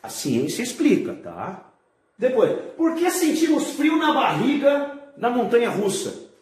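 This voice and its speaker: A man teaching a video lesson, his voice sitting high and swinging widely up and down. He throws out rhetorical questions and acts out his examples with energy. The sound bounces around an echoey room. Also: wildly swooping pitch, unhurried, darkish tone. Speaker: art teacher. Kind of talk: recorded video lesson for schoolchildren.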